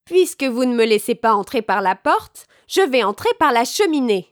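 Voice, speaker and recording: A woman voicing a hungry, menacing big bad wolf in a storybook reading, calling out in a loud, drawn-out way. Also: on the high side, very animated, no room sound, clean studio sound. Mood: scheming.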